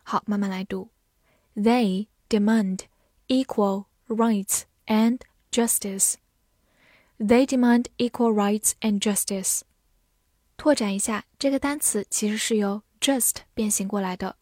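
A woman teaching English vocabulary from a script, spelling each word letter by letter and repeating it slowly. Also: medium pitch, darkish tone, no room sound, clean studio sound.

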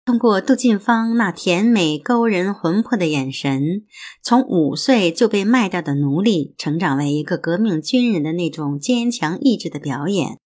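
A woman host reading an essay aloud in a measured, deliberate way. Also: lowish voice, animated, darkish tone.

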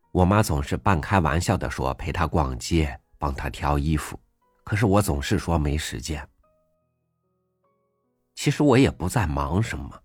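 A man hosting a reading program, narrating a first-person essay in a gentle, reflective way. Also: rumbling low, breathy edge, dry recording. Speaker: audiobook host reading an essay. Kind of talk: scripted narration. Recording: dry studio voice over faint music.

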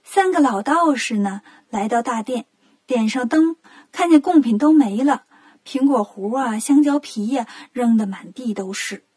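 Husky woman telling a children's story. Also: on the high side, a little slow. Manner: lively, animated.

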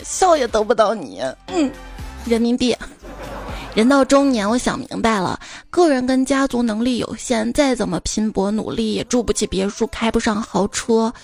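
A woman's voice: fairly high pitch, a little mellow. A woman reading funny anecdotes aloud, playfully acting out the dialogue. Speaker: joke reader.

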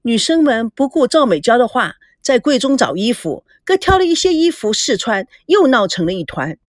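Woman storybook narrator, expressive and lively, dry close mic. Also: fairly high pitch, normal speed, no room sound. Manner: expressive, acts out all the voices.

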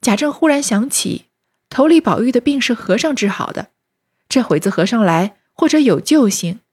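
Woman, storyteller, classic novel narration, husky, breathy, steady retelling. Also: on the high side, moderate pace. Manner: steady retelling, lightly acting out speech.

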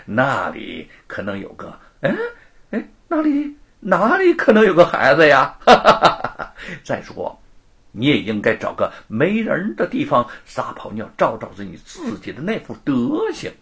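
Guy putting on a cackling rich brat lord, shrill and mocking, jumps all over in pitch. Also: wildly swooping pitch, takes it slowly, fairly bright tone, husky, full character voice. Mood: taunting. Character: gloating, sneering young rich lord.

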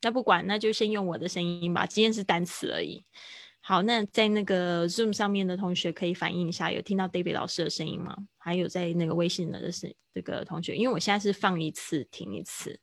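Gravelly low-voiced woman teaching English words. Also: steady tone, no echo. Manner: explains slowly, repeats words for drill. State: hiccuping. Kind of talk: livestreamed vocabulary lesson.

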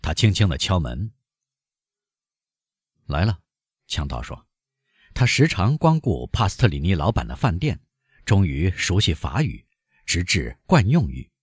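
A man narrating a novel as an audiobook, with an expressive storytelling delivery. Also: low-pitched, moderate pace, slightly rough, no echo, studio quality.

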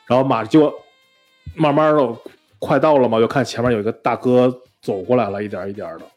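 A man co-hosting a casual chat podcast, telling a story with animated mimicry and many restarts. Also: medium pitch, a little fast, soft background music. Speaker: podcast co-host.

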